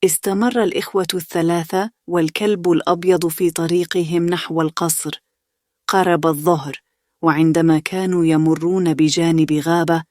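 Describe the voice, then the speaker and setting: A woman narrating a bedtime story in a steady, soothing way. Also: fairly low pitch, dry recording, clean studio sound.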